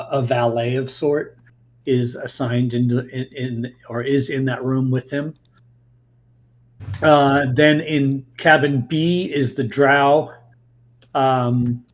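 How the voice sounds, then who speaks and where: Male game master, medium pitch, slow improvised scene description with a halting delivery. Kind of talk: narrating a tabletop role-playing game.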